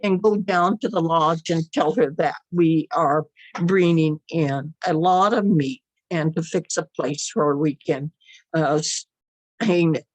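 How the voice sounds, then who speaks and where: A woman storyteller voicing a kind elder brother who speaks in a calm, gentle, reassuring way, in a traditional story. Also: sits low, slow pace, no room sound, rough recording. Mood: soothing. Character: kind, soothing second-eldest brother, a young man.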